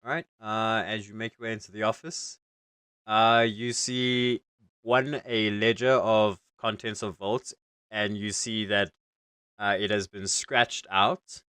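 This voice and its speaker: A man's voice: lowish voice, flat delivery, unhurried, sharp tone, smooth, no echo, studio quality. A man casually narrating a tabletop game as game master, improvising informally.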